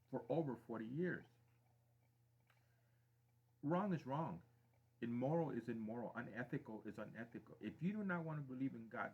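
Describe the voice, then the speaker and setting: A middle-aged man from Mexico hosting a live stream, giving a deliberate, emphatic opinion monologue and repeating phrases for weight. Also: medium pitch, breathy edge. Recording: dull lo-fi stream audio.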